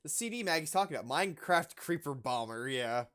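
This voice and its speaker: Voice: mid-range voice, expressive, fairly quick, fairly bright tone, a little hiss or hum. A game streamer chatting casually between lines of dialogue, with self-mocking asides.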